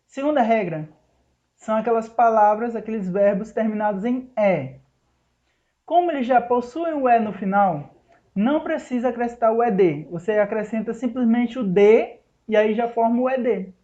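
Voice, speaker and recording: A man teaching an English lesson in Portuguese, explaining each rule step by step and slowing down to spell out the English examples. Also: very high voice, warm tone. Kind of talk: recorded online lesson. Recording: dull lo-fi recording.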